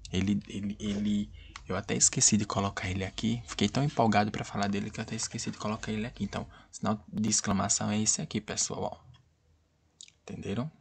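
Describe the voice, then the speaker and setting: A man's voice: on the low side, level tone, quick pace, vocal fry, slightly rough. A man with a Brazilian Portuguese accent teaching an online class. He explains things over and over and keeps checking that his students understand.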